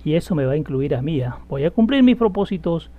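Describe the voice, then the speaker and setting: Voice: medium pitch, very animated, fast. A preacher giving an emphatic sermon, asking rhetorical questions and acting out quoted prayers. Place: church or studio, shared on screen. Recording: dull lo-fi sound.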